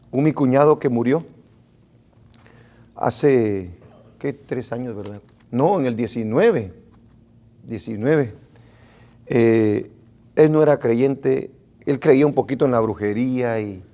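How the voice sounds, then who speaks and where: A male pastor preaching a sermon to his congregation in an animated way, often repeating and restarting his words. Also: mid-range voice, gravelly. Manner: animated, acts out what his congregation says.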